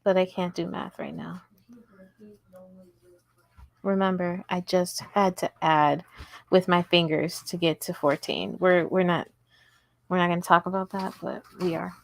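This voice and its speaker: Crocheting at a table in her home, a woman livestreams in a lowish, gravelly voice with fairly even intonation, speaking unhurriedly with long pauses. She chats and giggles with her viewers as she works, and there's no echo.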